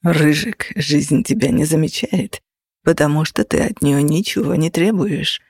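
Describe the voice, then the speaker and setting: A narrator voicing a mocking, menacing young man who threatens softly and sneers, in an audiobook. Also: fairly high pitch, creaky, breathy edge, no room sound, clean studio sound, voice pushed down, exaggerated voice. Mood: sneering. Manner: sneering, quiet and unhurried threats. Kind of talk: audiobook character voice.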